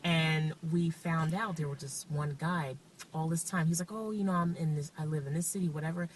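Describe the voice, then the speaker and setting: Woman, 30s, low register, hesitant interview subject; distant mic, faint music bed. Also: steady tone, normal speed, slight background noise. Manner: hesitant, many ums. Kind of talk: documentary interview.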